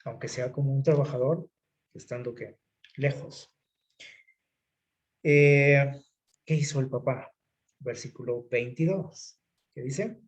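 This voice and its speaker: A man's voice: mid-range voice, slow pace, long pauses. A man preaching a sermon in a conversational way, often putting rhetorical questions to his listeners. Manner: conversational, asks the audience frequent rhetorical questions.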